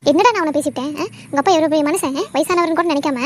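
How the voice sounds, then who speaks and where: A woman voicing a fast-talking nagging cartoon mother. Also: high voice, slight background noise, lightly acted. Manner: scolding, nagging, rapid-fire. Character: fussy middle-aged mother of four sons. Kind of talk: cartoon voice acting.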